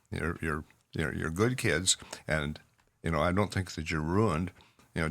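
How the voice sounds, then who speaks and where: A man with a Canadian accent co-hosting a podcast in casual chat, pausing often on fillers as he talks. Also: low voice, fairly bright tone. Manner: halting, with many fillers. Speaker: podcast co-host, clinician.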